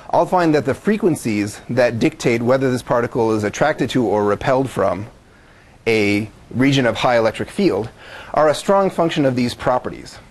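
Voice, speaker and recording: A man's voice: medium pitch, darkish tone. A man, a university professor, giving a methodical lecture to a class and laying out his points step by step.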